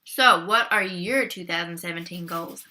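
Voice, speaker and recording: A woman's voice: lowish voice, moderate pace, pushed and bright. A young adult woman talking casually at home while eating for her vlog, chatting between bites with her mouth full. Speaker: vlogger. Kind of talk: casual mukbang eating chat.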